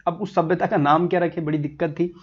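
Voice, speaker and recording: A man's voice: on the high side, steady tone, quick pace, slightly rough, dull audio. A man teaching a history lesson over a map, in a casual, chatty way, talking straight to the viewer.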